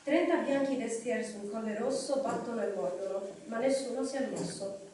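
An anxious little hobbit speaks up eagerly and earnestly, played by a woman. The voice sits a touch high and echoes around a large hall, far from the mic. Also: normal speed, close to an everyday voice. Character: anxious small male hobbit, polite but quick-witted. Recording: echoey hall, distant mic, faint noise.

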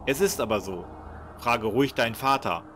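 A man voicing a brisk, confident young hero in a fan-made game mod, matter-of-fact. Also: medium pitch, fairly bright tone, soft background music, natural voice.

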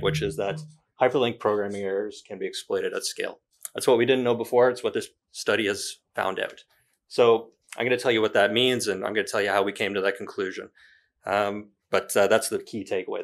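A man with a Canadian accent giving a conference talk in a plain, direct way, with frequent ums and uhs. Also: lowish voice. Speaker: conference presenter.

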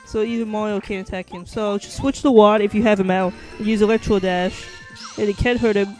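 High-voiced young man commenting on gameplay. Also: steady tone, a little fast, a little mellow, faint music behind. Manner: casual, swears often, trips over words. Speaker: let's play host.

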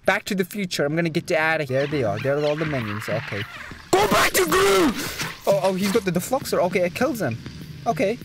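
A man's voice: on the high side, very animated, fast. A man giving casual, playful gameplay commentary, with exclamations and swearing. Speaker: gamer. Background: game music.

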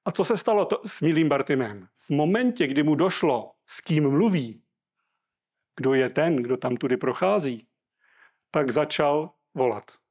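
A man's voice: on the high side, lively intonation, darkish tone. A Czech man preaching a sermon, reading scripture aloud and explaining it earnestly.

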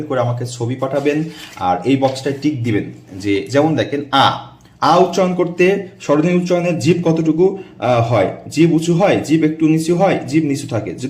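A man teaching an online class, explaining step by step and repeating vowel sounds slowly so the students can copy them. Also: mid-range voice, a little mellow, echoey room. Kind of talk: recorded online lesson.

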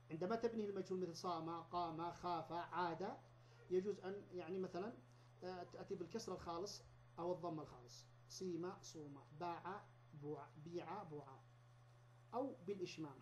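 A man lecturing on grammar at university level, explaining step by step and repeating example words slowly. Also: sits high, bright, forceful tone, slight background noise. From Yemen. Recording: dull lo-fi lecture recording.

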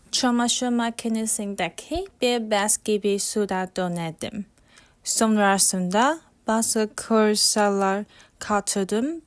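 Young female vlogger, non-native with foreign accent, higher-pitched voice, unhurried and halting broken delivery of a personal script. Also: no echo. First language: not Turkish. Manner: halting, broken learner's Turkish. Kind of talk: scripted personal narration for language practice.

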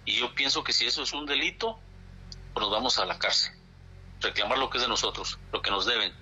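In a phone interview, a dairy farmers' leader from Chihuahua, Mexico, talks a little fast in a sharp, husky mid-range voice. He is indignant and keeps repeating his points to drive them home, heard over a phone line.

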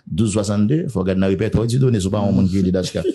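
A man hosts a gossip news segment, chatting loosely and laughing between the details he reads out. His voice sits low, with a dark, mellow tone. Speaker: news show host.

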